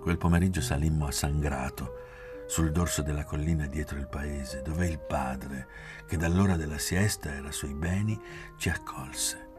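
A man reading a literary novel aloud in a measured, expressive way. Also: rumbling low, loud music behind the voice. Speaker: reader.

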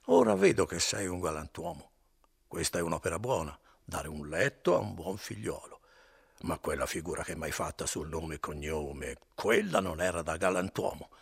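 A man voicing a boisterous, suspicious drunken young man in an audiobook, slurring with loud outbursts. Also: deep voice, expressive, normal speed, vocal fry, husky, exaggerated voice. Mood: tipsy. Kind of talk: audiobook character voice.

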